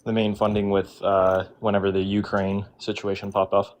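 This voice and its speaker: A man's voice: on the low side, completely flat delivery, normal speed. A young man calling into a livestream debate, talking hesitantly with many ums. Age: young adult. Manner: hesitant, full of ums and hedging. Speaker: caller. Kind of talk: casual debate talk.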